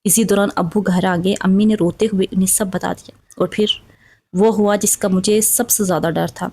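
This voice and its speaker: A woman's voice: medium pitch, steady tone, warm tone, a little hiss or hum. A woman telling an emotional first-person story in a dramatic, sorrowful way. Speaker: narrator.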